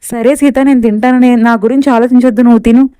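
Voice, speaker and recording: A woman's voice: on the high side, steady tone, fast talker, mellow, clean tone, no room sound, clean studio sound, lightly acted. A woman voicing a young husband who hesitantly dodges his wife's questions. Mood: evasive. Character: young husband, evasive and fumbling.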